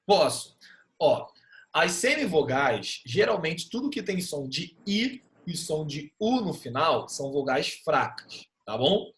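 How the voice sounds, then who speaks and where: A man's voice: fairly high pitch, very animated, slow pace, a bit bright. Patient Brazilian man teaching a class. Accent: Brazilian Portuguese. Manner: patient, checks understanding with frequent "tá bom?". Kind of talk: online class explanation.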